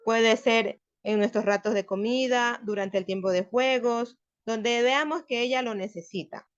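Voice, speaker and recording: Woman, student presenter, class presentation, explains step by step, higher voice, dull lo-fi recording. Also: a little slow.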